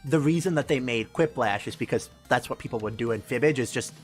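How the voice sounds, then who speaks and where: A man in casual chat with friends, telling a story in fits and restarts at a middling pitch. Faint music plays in the background. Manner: rambling storyteller, halting restarts. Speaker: board game stream co-host.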